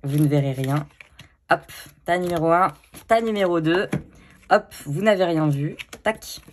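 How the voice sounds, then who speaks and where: A woman's voice: on the low side, a little slow. A woman giving a chatty tarot card reading, with frequent fillers and self-corrections. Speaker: tarot reader. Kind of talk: casual card-reading video.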